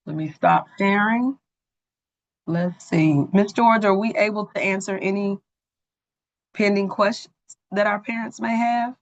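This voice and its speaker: Speaking through a computer mic on a video call, a school staff member addresses parents in an online meeting, plain and organized but full of ums and restarts. Her medium-pitched voice is a little slow with frequent pauses, and the audio sounds dull.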